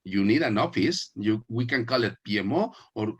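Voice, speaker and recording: A man from Mexico, hosting an interview and talking in a halting way with many restarts. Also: on the low side, breathy edge. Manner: halting, many restarts, lively laughing emphasis. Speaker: host. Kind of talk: casual video-call interview.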